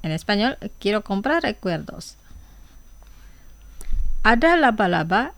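A woman presenting a scripted radio language lesson, speaking slowly and carefully and saying each word twice. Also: mid-range voice, sing-song, creaky, a bit bright, no room sound.

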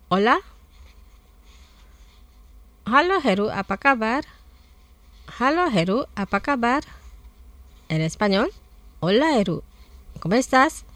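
A woman presenting a scripted radio language lesson, saying each word twice slowly and carefully. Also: on the high side, no echo. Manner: slow, careful repetition of words.

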